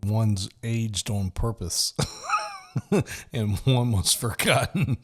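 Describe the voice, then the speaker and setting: A man's voice: on the low side, slow pace, fairly bright tone, breathy edge. A man co-hosting a casual podcast who drops dry wisecracks and laughs at his own jokes. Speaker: podcast co-host. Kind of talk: casual chat.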